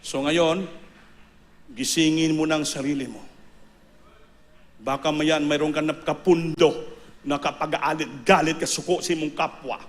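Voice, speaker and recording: High-voiced emphatic preacher man. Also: steady tone, a little slow, long pauses. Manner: emphatic, repeats key words, bursts upward in pitch. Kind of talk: sermon.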